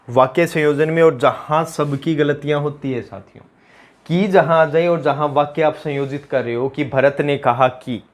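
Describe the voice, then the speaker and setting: A young man who teaches an exam-prep lesson in a chatty way, repeating key words and slipping into local dialect jokes. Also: a little high.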